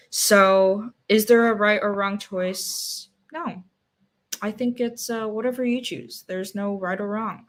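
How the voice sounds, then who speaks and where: A woman's voice: mid-range voice, a bit bright. Casting: young woman, book club host, casual and rambling, mid-range voice. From Singapore. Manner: thinking aloud with many fillers and restarts.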